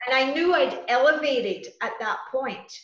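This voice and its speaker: A woman talking as an interview guest, telling spiritual experiences in an earnest, unhurried, conversational way. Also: high voice, expressive, a bit bright. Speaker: interview guest, trance channeler and healer. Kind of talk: conversational first-person spiritual storytelling. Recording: muffled, roomy, echoing audio.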